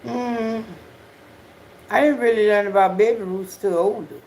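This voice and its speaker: A person with a Southern US accent chatting casually on a livestream in an unhurried, slangy, profane way. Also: medium pitch, fairly even intonation, a little mellow, slight background noise, poor audio. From Southern United States. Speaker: livestream host.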